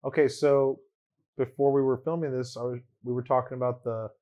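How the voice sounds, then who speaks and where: Slangy young man, medium pitch. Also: flat delivery, a little fast, highs cut off. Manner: slangy, loose, giggly when telling stories. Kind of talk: casual chat.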